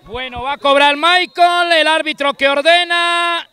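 A man with a Colombian accent doing live football commentary outdoors, with breakneck goal calls drawn out in repeated shouts. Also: very high voice, a little slow, no room sound. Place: outdoors at a village football pitch.

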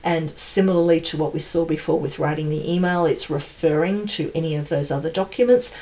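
The audio quality is poor, but the voice comes through low, brisk, and warm. A woman in her forties who presents tech content and does pre-sales work explains product announcements with enthusiasm and plenty of conversational emphasis.

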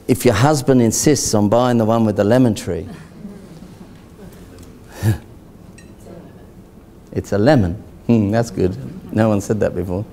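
A man presenting a live seminar, animated and rhetorical, constantly checking in with his audience. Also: mid-range voice. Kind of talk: live property investment seminar.

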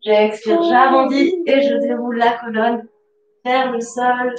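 A woman yoga teacher guiding a class with slow, calm spoken cues and pauses. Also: fairly high pitch, highs cut off. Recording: roomy, from a distance. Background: soft music.

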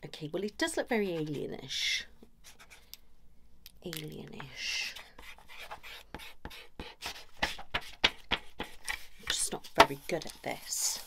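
A woman playing a blunt, tactless sketch artist in a whispered role-play, in a fast, aggressive ASMR manner with clipped, repeated phrases. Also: deep voice, animated, gravelly, bright, forceful tone, a little hiss or hum, exaggerated voice. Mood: critical, brisk. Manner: blunt, critical. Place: small indoor room. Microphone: close ASMR mic.

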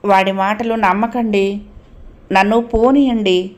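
A woman's voice: medium pitch, steady tone, slow pace, lightly acted. A woman voicing a frightened, helpless young woman who pleads anxiously. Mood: pleading.

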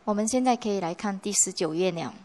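A woman's voice: mid-range voice, animated, quick pace, darkish tone. A Buddhist nun giving a conversational dharma lecture in a monastery hall, slipping in English words and often asking her listeners whether they follow. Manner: conversational, mixing English words, frequent rhetorical checks.

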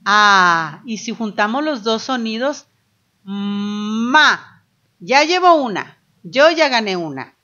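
A woman's voice: fairly high pitch, very animated, measured pace, pushed and bright, muffled recording. A woman teacher giving a children's phonics lesson, patiently sounding out letters and syllables one by one.

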